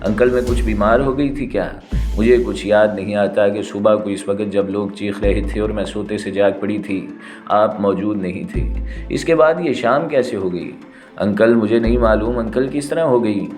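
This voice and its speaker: A man reading a frightened young girl's lines in an audio story, in a soft, pleading voice, with soft music underneath. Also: lowish voice, lightly acted. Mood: puzzled. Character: young girl, innocent and frightened.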